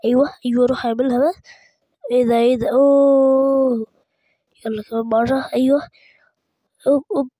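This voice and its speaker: Egyptian woman, gaming commentary, higher voice, mellow tone, excitable, repeats words in bursts. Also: very fast, pauses often, dry recording. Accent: Egyptian Arabic. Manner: excitable, chanting repeated words while playing. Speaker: gaming YouTuber. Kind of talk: let's-play gameplay commentary.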